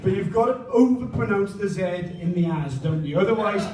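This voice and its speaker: High-voiced Welsh Valleys man, roomy live stand-up. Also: expressive, fairly quick. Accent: South Wales Valleys. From Pontypridd, South Wales. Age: 30s. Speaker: stand-up comedian. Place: indoor live gig venue. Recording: roomy, distant mic, faint noise.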